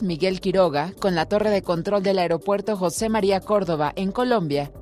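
A woman's voice: mid-range voice, a little mellow. A woman narrating a scripted news report.

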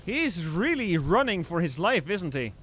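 Theatrical, very animated man playing games. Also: high voice, measured pace, slight background noise. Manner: theatrical, playful mock-threatening. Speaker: gaming streamer. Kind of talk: casual live gameplay commentary.

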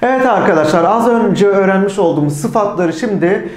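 A man's voice: high voice, brisk. A man teaching a language lesson, who asks and answers his own questions and says each word twice. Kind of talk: slow, repetitive language lesson. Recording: echoey room.

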